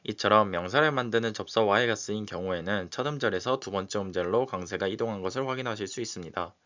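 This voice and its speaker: A man teaching, who slowly and methodically explains exam questions one example at a time. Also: on the low side, a bit bright. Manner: slow and methodical, walking through examples step by step. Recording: dull, lo-fi recording.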